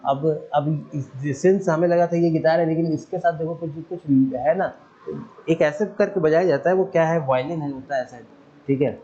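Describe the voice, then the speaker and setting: A man's voice: a little high, fairly even intonation, moderate pace, warm tone, muffled recording. A man teaching a casual science lesson, chatting loosely, admitting what he forgets and mimicking the sounds of instruments.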